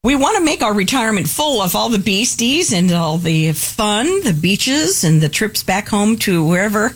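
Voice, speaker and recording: Husky-voiced woman co-hosting radio. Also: medium pitch, animated, normal speed. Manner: chatty, teasing. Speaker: radio co-host. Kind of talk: casual radio talk.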